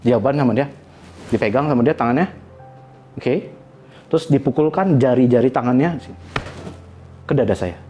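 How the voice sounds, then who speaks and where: A man, a business coach, giving a dramatic motivational talk to an audience, swinging from hushed lines to soaring emotional peaks. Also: mid-range voice, moderate pace, long pauses, lo-fi sound, soft background music.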